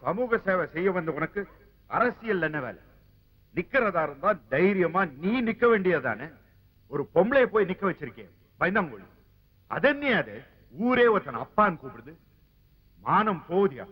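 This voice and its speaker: A taunting crowd heckler. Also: male voice, high voice, big pitch swings, moderate pace, pauses often. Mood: scornful. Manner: mocking, taunting. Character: scornful male heckler in a crowd. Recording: dull lo-fi film audio from afar.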